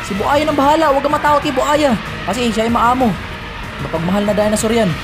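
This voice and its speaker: A man giving excited, shouty commentary over his own gameplay, calling out to viewers as he plays. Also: very high-pitched, fast talker. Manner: hyped, shouty, constantly addressing viewers. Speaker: gaming YouTuber. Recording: game music under voice. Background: background music.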